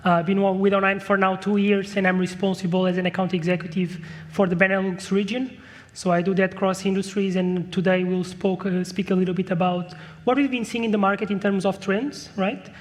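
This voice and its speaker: Man from Portugal, high and monotone, presenting in an echoing hall. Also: brisk. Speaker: account executive presenting. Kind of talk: conference presentation. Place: conference room on stage. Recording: long hall reverb.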